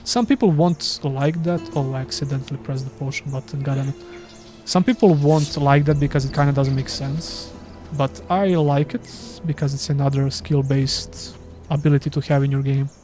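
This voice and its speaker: With soft background music playing, a Serbian gaming streamer talks through his live gameplay casually, self-deprecating, in a Serbian accent. His mellow, medium-pitched voice keeps fairly even intonation at a moderate pace.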